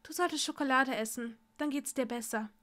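A woman voicing a calm young witch teacher in a storybook reading, speaking softly and gently. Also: high-pitched, fairly quick. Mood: gentle. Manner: soft and gentle.

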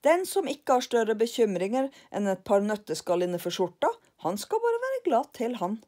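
An older woman reading aloud and voicing a boastful, carefree little man who brushes off every worry in a loud, brash manner. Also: fairly high pitch, very animated, voice pushed up. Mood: smug. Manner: brash, self-satisfied, shrugging off worries.

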